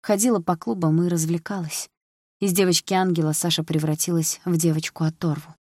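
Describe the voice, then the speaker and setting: A woman narrating a novel as an audiobook, in an even, measured reading. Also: on the low side, no room sound.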